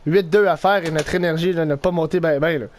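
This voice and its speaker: A young man with a Québécois French accent calls his hockey video game as he plays it. He talks in a high register and veers between frustrated groans and excited outbursts. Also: brisk, a little hiss or hum. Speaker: gaming YouTuber. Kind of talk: live gameplay commentary.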